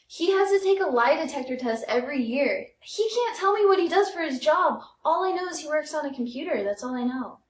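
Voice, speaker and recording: A young American woman co-hosting a comedy podcast chats casually and shares personal stories in a high-pitched, animated voice, talking a little fast with few pauses. The recording sounds roomy and echoey, with a little hiss or hum.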